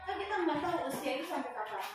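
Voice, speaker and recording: A woman's voice: high-pitched, racing, music in the background. A middle-aged woman school counselor giving a classroom guidance lesson to students in a casual, conversational, teasing way. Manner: conversational, chatty, teasing the class, with lively rises. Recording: echoey classroom from far off, noisy.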